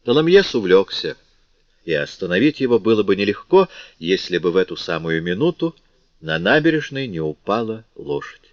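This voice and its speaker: A very deep-voiced man narrates a classic novel, measured and expressive in his storytelling. The recording is dry and somewhat dull, lo-fi, with no room echo. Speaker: audiobook narrator.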